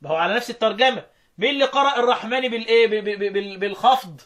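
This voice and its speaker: Man, Egyptian Arabic accent, high voice, recitation teacher, chants verses slowly, quizzes students. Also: fairly bright tone. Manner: chants verses slowly between quick spoken explanations. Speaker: teacher of Quran recitation readings. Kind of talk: interactive lesson, quizzing students.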